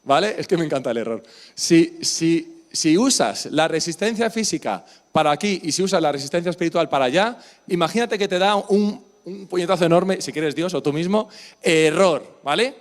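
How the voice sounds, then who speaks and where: A male pastor with a Spain Spanish accent delivers a sermon in a church. His voice sits a little high, and he keeps it conversational, turning to the congregation with questions. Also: lively intonation, fairly quick. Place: church service.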